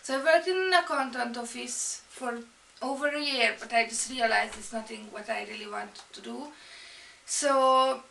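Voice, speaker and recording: A woman's voice: sits high, vocal fry, pushed and bright, roomy sound, recorded from a distance. A woman from Hungary, speaking English with a Hungarian accent, introducing herself as an art and fashion student, with many ums and restarts. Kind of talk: personal introduction video.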